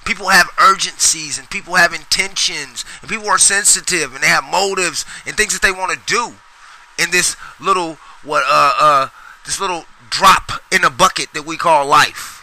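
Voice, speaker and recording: A man's voice: fairly high pitch, normal speed, pushed and bright, low-quality recording. A middle-aged man from Sacramento hosting a solo podcast, ranting in a profane, rambling, emphatic way with lots of repetition. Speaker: podcast host.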